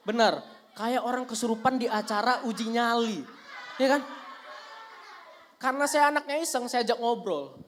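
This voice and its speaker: A young man doing a stand-up comedy set in a lively, teasing way, talking straight to the audience on a handheld mic. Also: very high voice, normal speed, pauses often, slight background noise.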